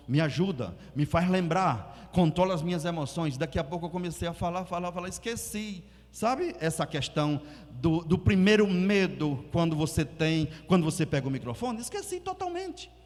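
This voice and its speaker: A man's voice: fairly high pitch, big pitch swings, moderate pace, a little mellow, in a large hall. A man preaching a sermon as a pastor, talking conversationally, acting out quotes and prompting the congregation to repeat after him. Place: church hall.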